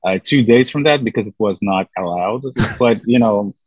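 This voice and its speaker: Belgian man rambling in a relaxed chat. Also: on the low side, moderate pace, no room sound, low-quality recording. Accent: Belgian French. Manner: relaxed, rambling, many "you know" fillers. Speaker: podcast guest. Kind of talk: casual interview chat.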